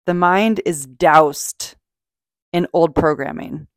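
Her voice on the low side, a podcast host speaks slowly while chatting off the cuff about self-help. She gushes, emphasizes, and swears, and the studio-quality audio has no echo.

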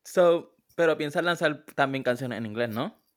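A man's voice: fairly high pitch, normal speed. A man hosting a casual interview, asking questions and backing his guest with short replies. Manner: friendly, affirming with short backchannels. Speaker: podcast host.

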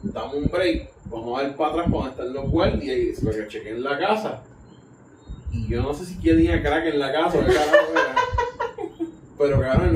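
A man with a Puerto Rican accent telling a story in casual chat, animated, laughing often, full of slang and curses. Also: on the high side. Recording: roomy distant mic with background noise.

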